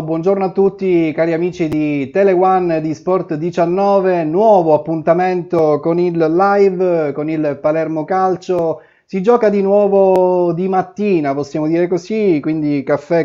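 A man in his thirties hosts a live football preview from a TV studio, talking in a chatty way and often pausing on fillers. His voice is fairly high but dark and mellow, and the sound is a little dull. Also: steady tone. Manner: chatty, with frequent hesitation fillers. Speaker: studio host. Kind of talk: live pre-match sports talk show. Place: TV studio set.

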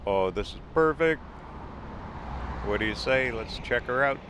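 A slow, easygoing man with a medium-pitched voice narrates a drive as an RV travel vlogger. Relaxed and chatty, he is easily delighted by the mountain scenery while driving and stopping at roadside pull-offs, with vehicle and road noise in the background.

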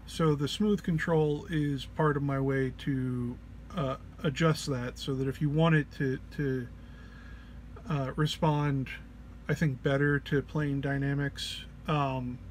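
Showing off an effects pedal patch, this male demonstrator has a mid-range voice with fairly even intonation and takes his time. The walk-through is casual, but he seems unwell, pausing hesitantly as he hunts for words. Clear background noise runs underneath.

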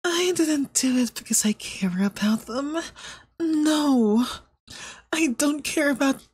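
In an ASMR roleplay, a woman plays a possessive, manipulative young femboy yandere boyfriend, soft, breathy and cloying, coaxing with veiled menace. Her high voice has lively intonation and a slow pace, and the mood is doting and coaxing.

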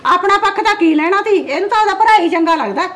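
A woman plays a scolding village mother-in-law with a Malwa Punjabi accent, very high and rapid, her taunts sharp and needling. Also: animated. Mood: taunting. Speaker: actor. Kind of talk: village short film acting.

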